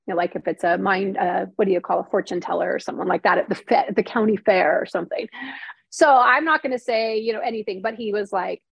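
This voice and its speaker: Speaking quickly in a gravelly, husky, medium-pitched voice, a middle-aged former TV news reporter turned novelist shares an emotional personal story in an interview. She is chatty, earnest and candid, acts out quotes, and uses "like" and "you know" constantly; the recording is dry and muffled.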